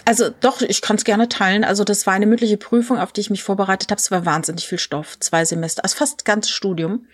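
Eine Frau mittleren Alters erzählt lebhaft und mit vielen Füllwörtern eine persönliche Geschichte im lockeren Gespräch. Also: female voice, medium pitch, quick pace, hardly any pauses, husky, dry recording. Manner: animated storytelling with many fillers and quoted voices. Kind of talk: casual conversation, personal anecdote.

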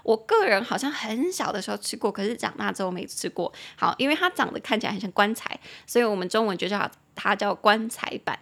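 A young Taiwanese woman hosting a casual English lesson podcast, chatty and laughing often, slowing down to repeat and spell English words. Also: mid-range voice, expressive, gravelly, a bit bright. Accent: Taiwanese Mandarin. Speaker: English teacher and podcast host.

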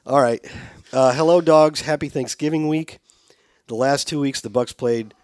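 Co-hosting a podcast, a man chats casually about football and reads listener emails aloud in a conversational way. His mid-range voice is a little mellow and moves at a moderate pace, captured in a dry, clean studio recording.

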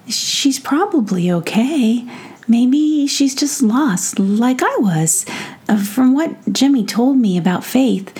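A woman's voice: on the high side, creaky, mellow, breathy edge, pitched above the performer's own voice, heavily acted. A woman doing a kind, eager little boy. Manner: eager, stumbling speech. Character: kind, earnest young boy. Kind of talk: bedtime story reading.

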